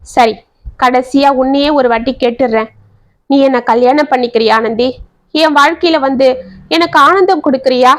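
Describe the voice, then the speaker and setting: A woman's voice: sits high, moderate pace, close to an everyday voice. A woman voicing a heartbroken young wealthy man pleading tenderly in a family storybook tale.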